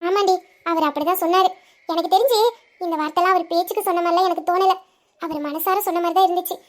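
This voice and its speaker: A chatty young woman with a very high, bright voice, played by a woman, eagerly retelling what happened. She talks in an animated, giggly way in a homemade audio drama. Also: quick pace. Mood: earnest. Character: chatty young woman, the patient's caring friend.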